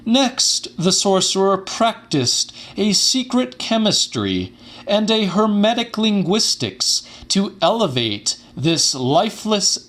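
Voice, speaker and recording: Playing a pompous, grandiose scientist-showman, a man lectures a theater audience like a dramatic audiobook monologue. His voice sits high and fairly bright, and his formal, deliberate delivery is heavily acted.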